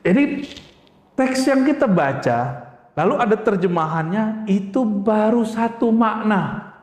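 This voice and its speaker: A man's voice: sits high, animated, a little slow, a little mellow. A man preaching a religious lecture, emphatic, putting rhetorical questions to his listeners. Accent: Indonesian. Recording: echoey hall with long reverb.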